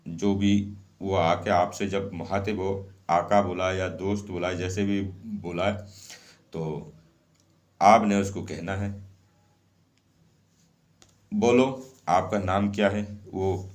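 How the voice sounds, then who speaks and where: A man's voice: low voice, little pitch movement, slow. A man explaining ritual instructions step by step in a casual spoken way, repeating each point and often checking in with "okay".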